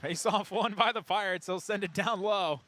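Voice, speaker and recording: A man calling a girls' high school hockey game as play-by-play announcer on radio, with rapid calls that jump to excited shouts on big plays. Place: ice arena broadcast booth.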